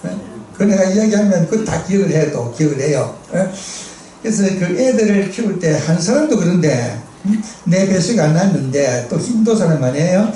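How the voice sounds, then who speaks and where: Preaching in a church sanctuary, this middle-aged man speaks Korean with a Gyeongsang accent in a high, expressive, warm voice at a moderate pace. As a missionary preacher, he tells funny stories in a chatty way and asks the congregation for replies. It's recorded from a distance in an echoey hall with slight background noise.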